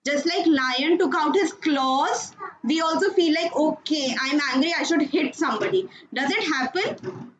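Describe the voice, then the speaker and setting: A high-pitched woman leads an online class for young children, coaxing them along and praising them often. Her voice comes through a dull, muffled video-call line. Steady background noise hums underneath. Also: measured pace. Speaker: teacher.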